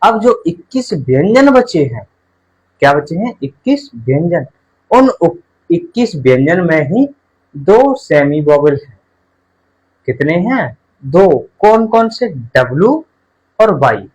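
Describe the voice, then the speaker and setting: A man's voice: on the high side, sing-song, takes it slowly, long pauses, darkish tone, slightly rough, poor audio. A male teacher giving a live online grammar class, asking questions and answering them himself while addressing his pupils fondly.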